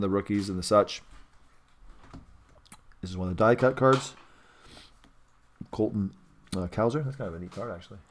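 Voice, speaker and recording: A man hosting a live card-breaking stream, talking in a chatty, rambling way with frequent self-corrections. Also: mid-range voice. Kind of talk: casual live-stream chat.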